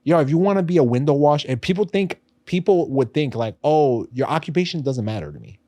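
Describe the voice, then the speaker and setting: In a podcast studio with no echo, a New York–accented co-host in his thirties talks fairly quickly in a slightly high, expressive voice with a dark tone. His chat is casual, emphatic, and full of slang.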